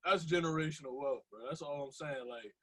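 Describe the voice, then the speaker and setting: A man's voice: on the high side, brisk, over a noisy crowd. A young man hosting a podcast in casual, slangy conversation, repeating phrases for emphasis. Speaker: podcast host.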